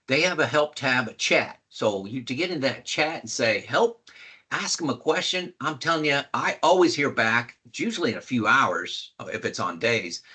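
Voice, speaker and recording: A man's voice: a little high, bright, forceful tone, breathy edge. An older man hosting a casual screen-share tutorial on retirement planning, folksy and emphatic, repeating key points. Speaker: retirement planning video host.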